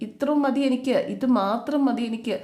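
A woman's voice: a little high, moderate pace, a little mellow, voice pushed up, natural voice. Casting: tearful manipulative young wife, pleading and reproachful, as a woman narrator puts her on.

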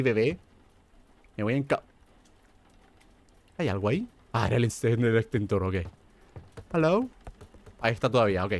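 A man's voice: medium pitch, no echo. A young man hosting a gaming video, joking and talking back to a horror game as he plays. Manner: excitable, jokey, talks to the game. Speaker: gamer host.

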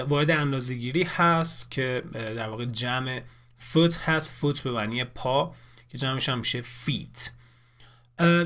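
A man teaching English in a recorded lesson, explaining clearly in Persian and saying the English words slowly. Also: medium pitch, fairly bright tone.

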